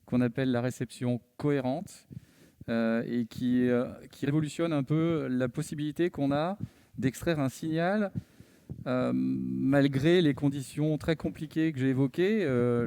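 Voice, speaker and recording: Guy explaining tech stuff on a panel, warm mellow voice, lots of ums. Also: medium pitch, smooth. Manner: careful, hesitant with many fillers. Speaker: panel speaker, engineer.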